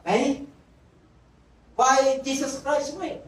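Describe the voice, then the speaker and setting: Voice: high-pitched, fairly even intonation, drawn-out words. Pastor preaching in an echoey hall. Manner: calls for amens from the congregation, reads scripture aloud with emphasis. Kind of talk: sermon. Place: church hall during a service. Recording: very echoey, from far off the mic.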